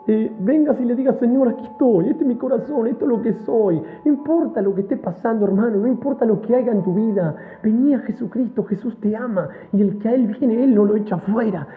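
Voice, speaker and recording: High-voiced preacher on a tinny line. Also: male voice, fairly quick, hardly any pauses, slightly rough. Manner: fervent, repetitive direct address to listeners. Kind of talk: sermon. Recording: tinny phone-like sound.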